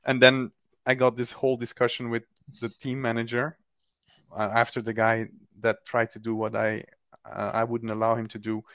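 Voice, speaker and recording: A man's voice: medium pitch, monotone, a bit bright, dry recording. A man in a casual technical discussion, talking emphatically and arguing his views. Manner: emphatic, opinionated, quick to argue.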